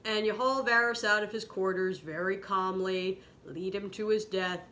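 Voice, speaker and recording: A woman ranting angrily and sarcastically, swearing freely, her voice jumping up high when she gets outraged. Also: moderate pace, bright, forceful tone. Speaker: podcast host ranting about a TV episode. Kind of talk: angry profane rant.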